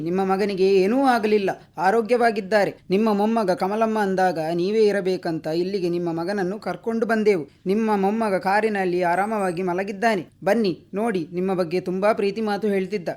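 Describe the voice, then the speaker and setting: A man plays a young man who fakes a kidnapping, in a radio drama. His voice is high, and he speaks earnestly and respectfully. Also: fairly even intonation, normal speed, hardly any pauses, a little mellow, natural voice. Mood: consoling. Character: young man posing as a kidnapper, caring toward the old mother.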